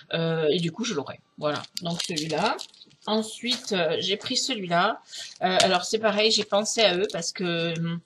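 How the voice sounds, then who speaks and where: A woman's voice: on the low side, a bit bright, a little hiss or hum. A middle-aged woman from France chatting casually through a craft haul, hesitant, with many fillers and restarts. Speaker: craft vlogger.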